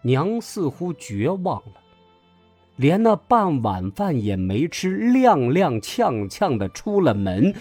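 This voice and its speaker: Slow, husky male storyteller. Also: on the high side, no echo. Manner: measured, expressive storytelling. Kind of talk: scripted narration. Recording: dry close voice over faint music.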